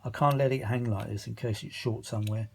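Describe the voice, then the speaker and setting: This vintage audio repair vlogger is a weary British man whose voice sits on the low side, creaky with a breathy edge, moving fairly quickly with fairly even intonation. His commentary on the repair is unscripted and rambling, full of muttering, grumbling and light swearing while he searches for the right word, and he comes across as exasperated.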